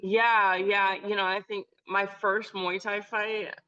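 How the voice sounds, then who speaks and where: A young woman hosting a podcast, chatty and effusive, full of fillers and warm praise for her guest. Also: mid-range voice, little pitch movement, slow, smooth, highs cut off. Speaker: podcast host. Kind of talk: casual podcast interview.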